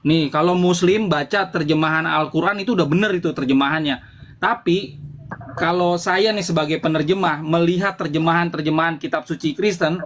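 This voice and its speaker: A high-voiced man hosts a live debate in an explanatory, insistent way, repeating phrases as he goes. There is faint noise and some clicking on the recording. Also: a bit bright. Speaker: host, translator and team leader debating religion.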